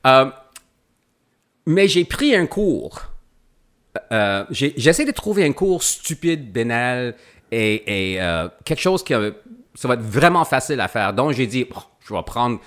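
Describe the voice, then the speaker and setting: A man's voice: mid-range voice, very animated, a little slow, fairly bright tone. A middle-aged English-speaking Canadian man, a guest actor, speaking French in a casual podcast interview with many fillers and restarts.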